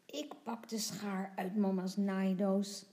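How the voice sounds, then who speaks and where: A woman's voice: medium pitch, level tone, slow pace, dark tone, reverberant, natural voice. A woman voicing a bold, stubborn little girl in a storybook, speaking in an eager, pleading child voice.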